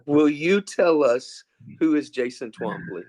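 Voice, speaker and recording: A man's voice: on the high side, animated, unhurried, darkish tone. A man co-hosting a podcast, talking casually and restarting phrases. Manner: casual, chatty, some restarts. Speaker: podcast co-host. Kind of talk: podcast interview.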